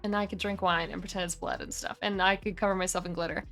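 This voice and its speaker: A woman's voice: fairly low pitch, steady tone, fast talker, a bit bright, faint music behind. A young adult woman streamer chatting casually with viewers, giggly and full of filler words. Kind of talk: casual chat.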